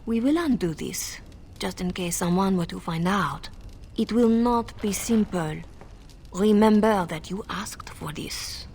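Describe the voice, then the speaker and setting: A woman's voice: medium pitch, unhurried, a little mellow, a little hiss or hum, close to an everyday voice. An actress with a French accent playing a scheming spymaster woman who talks coldly and condescendingly. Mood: threatening. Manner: cold, condescending, purring.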